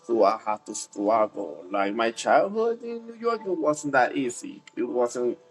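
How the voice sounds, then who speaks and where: A man from Puerto Rico hosting a casual podcast chat, relaxed and rambling, trailing off with fillers. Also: mid-range voice, unhurried, soft background music, rough recording. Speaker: podcast host.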